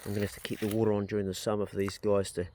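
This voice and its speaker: A man's voice: lowish voice, flat delivery, rapid-fire, a little mellow, slight background noise. A man with a broad New Zealand accent chatting casually to his vlog, plain-spoken and rambling as he thinks aloud. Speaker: vlogger and landowner. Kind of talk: casual outdoor vlog chat.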